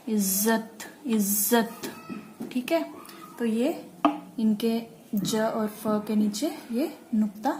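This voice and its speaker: A woman teacher talks her pupils through pronunciation very slowly, saying each word several times over so they can copy it. Her voice sits a little high, and she keeps checking in with a quick "okay" as she goes. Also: dark tone, slight background noise. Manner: checks in with frequent "ठीक है". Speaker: Hindi teacher. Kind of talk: classroom-style lesson explaining pronunciation.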